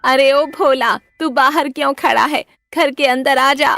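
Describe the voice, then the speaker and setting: A woman's voice: high-pitched, fairly even intonation, measured pace, bright, forceful tone, soft background music, voice pushed up, exaggerated voice. A woman voicing a caring village mother in a cartoon, calling to her son.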